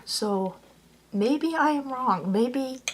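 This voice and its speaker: A woman's voice: high-pitched, expressive, extremely slow, a little hiss or hum. A woman vlogging in a casual, rambling way, peppering her talk with "like" and correcting herself as she goes. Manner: chatty, lots of "like", self-correcting.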